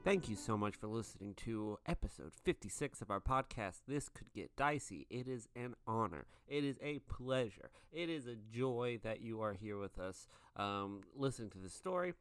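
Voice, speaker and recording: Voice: mid-range voice, animated, normal speed, hardly any pauses, clear, resonant tone. A co-host of a tabletop game podcast, talking in a chatty way full of filler while playing and reading show announcements.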